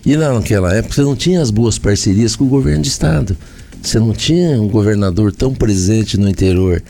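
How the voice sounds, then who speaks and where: Brazilian male mayor, dark gravelly low voice, methodical explainer who lists things. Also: fast talker, faint music behind. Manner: explanatory, lists points with repeated phrases. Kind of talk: radio interview answers.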